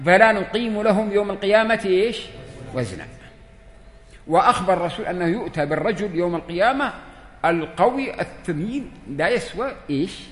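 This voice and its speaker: A man's voice: high voice, fairly quick, slight background noise. A man, giving a religious lesson and putting questions to his listeners. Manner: questions the listeners, acts out dialogues. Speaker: religious teacher. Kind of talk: lesson to a seated audience. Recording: echoey hall.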